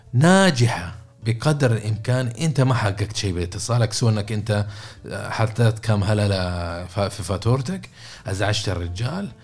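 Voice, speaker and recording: A man's voice: lowish voice, darkish tone. A man giving a casual coaching talk, repeating words and checking in with listeners by asking questions. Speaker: podcast host and coach.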